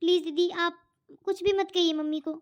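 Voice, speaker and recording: A woman's voice: extremely high pitch, fairly even intonation, moderate pace. A woman voicing a meek, patient young daughter-in-law in a cartoon, speaking politely and pleadingly. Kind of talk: cartoon voice acting. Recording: dull lo-fi audio.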